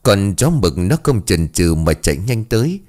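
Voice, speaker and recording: A man reads a ghost story aloud with a fairly low voice. His pitch rises and falls freely as he dramatizes each turn. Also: big pitch swings, normal speed, a little mellow. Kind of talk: scripted ghost-story narration.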